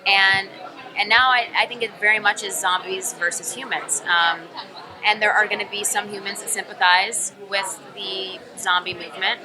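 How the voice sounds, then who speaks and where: In a busy convention press room, with crowd chatter behind her, a young woman actor answers interview questions thoughtfully, rambling and saying "um" a lot. Her voice sits at medium pitch, with a steady tone and a normal speed.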